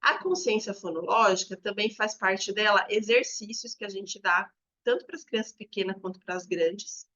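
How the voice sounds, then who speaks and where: A woman's voice: medium pitch, steady tone, normal speed, few pauses, pushed and bright, muffled recording. A woman educator, explaining to teachers and demonstrating examples aloud.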